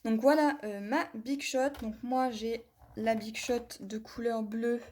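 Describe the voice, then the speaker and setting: A woman's voice: a little high, steady tone, takes it slowly, darkish tone. A woman reviewing a craft tool in a hands-on demonstration, talking viewers through each step and apologizing for her English pronunciation. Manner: chatty, talks viewers through each step with many "voilà" and "hop".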